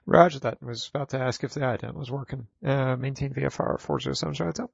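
A man's voice: mid-range voice, rapid-fire, creaky, slightly rough, no room sound. A man making pilot radio calls through a cockpit headset. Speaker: private pilot on air traffic radio. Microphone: pilot headset over radio. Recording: muffled aviation radio with clicking.

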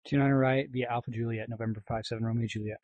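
A man speaking as a pilot, reading back clearances and making calls in aviation phraseology. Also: mid-range voice, fairly even intonation, very fast, a little mellow, no room sound, muffled recording. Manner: frequent throat clearing. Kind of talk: aviation radio readbacks.

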